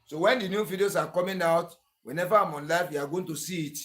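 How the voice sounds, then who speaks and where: A man's voice: sits high, fast, a bit bright, faint music behind. A man with a Nigerian accent hosting a sharpening tutorial, talking in an earnest, repetitive, pleading way. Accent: Nigerian English. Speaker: clipper-blade sharpening tutor and channel host. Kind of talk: tutorial narration.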